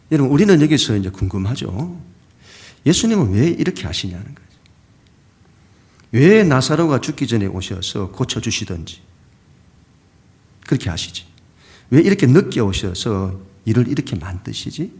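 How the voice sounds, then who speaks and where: A man's voice: mid-range voice, darkish tone. A male pastor giving a Sunday sermon, acting out mocking voices in a dramatic way. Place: church sanctuary.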